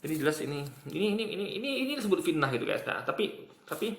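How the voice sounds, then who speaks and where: A man's voice: fairly high pitch, lively intonation, rapid-fire, vocal fry, reverberant, a little hiss or hum. A man giving argumentative video commentary to his viewers, repeating himself and restarting often. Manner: repetitive, addresses viewers as "guys", many restarts. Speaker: commentator responding to online posts.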